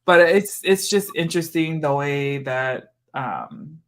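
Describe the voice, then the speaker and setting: A podcast host from Hawaii, USA, chats casually, her talk informal, reflective and meandering. Her woman's voice sits low, and she speaks slowly.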